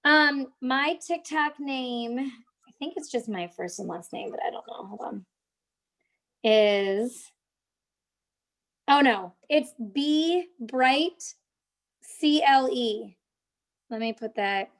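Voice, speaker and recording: Speaking slowly with long pauses, a young woman with a high voice leads a laid-back live-stream tutorial. She chats with viewers in the chat while explaining social media tips.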